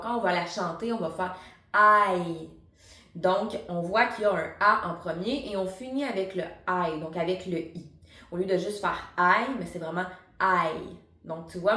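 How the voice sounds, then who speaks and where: A woman's voice: mid-range voice, fairly bright tone, roomy sound. A woman, a singing teacher giving a chatty, explanatory online singing lesson. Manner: chatty and explanatory, many fillers. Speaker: singing teacher and vocal coach.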